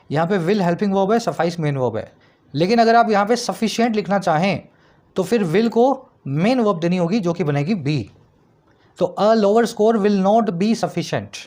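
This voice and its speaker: Male English tutor, higher pitch, patient explainer who checks understanding. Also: a little mellow. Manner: explanatory, asks students rhetorical checks, reads example sentences slowly. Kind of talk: vocabulary lesson explaining words.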